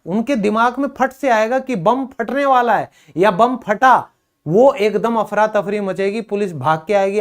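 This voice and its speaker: A man teaching an English pronunciation lesson, repeating words emphatically to drill them. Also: sits high.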